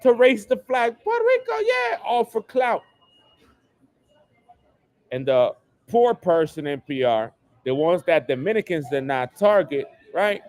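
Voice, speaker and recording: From a home setup in New York, a male host delivers a solo livestream rant, emphatically hammering the same phrases over and over. His voice is high with wildly swooping pitch and a slightly mellow quality. He speaks at a measured pace, and the recording has no room sound.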